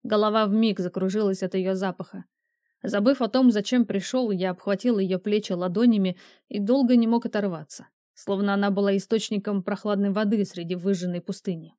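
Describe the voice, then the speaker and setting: A woman reads a fantasy novel aloud in the first person, steady and intimate. Her voice sits at an ordinary middle pitch. The recording is dry and close, with no room around it. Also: a little fast, no room sound. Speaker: audiobook narrator.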